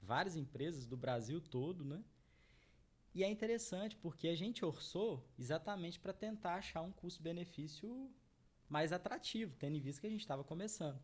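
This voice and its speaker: An earnest chocolate brand founder, middle-aged and from Minas Gerais, Brazil, describes his business in an interview, speaking to the audience and asking "né?" ("right?") again and again. His voice sits on the high side, animated and at normal speed.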